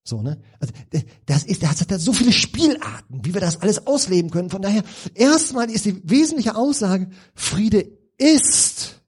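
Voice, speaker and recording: A man's voice: sits high, very animated, brisk, hardly any pauses, darkish tone, breathy edge. A middle-aged man preaching a sermon in a conversational, informal way, with rhetorical questions and frequent restarts.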